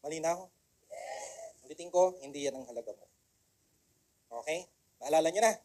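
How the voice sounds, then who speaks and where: A man's voice: fairly high pitch, normal speed, mellow. Man, motivational seminar speaker, emphatic, rhetorical questions, repeats phrases, coaxing. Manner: rhetorical, keeps asking "di ba?"; mixes English phrases into the talk. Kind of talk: seminar talk to an audience.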